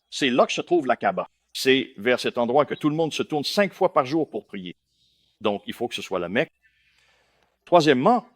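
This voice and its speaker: A man's voice: medium pitch, no room sound, studio quality. A man from India giving a lecture to a live audience, emphatic, often stopping to check that listeners follow.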